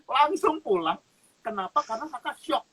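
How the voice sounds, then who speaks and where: A man giving an animated spiritual testimony as a talk-show guest, laughing often as he tells it. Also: extremely high pitch, moderate pace, a crowd in the background.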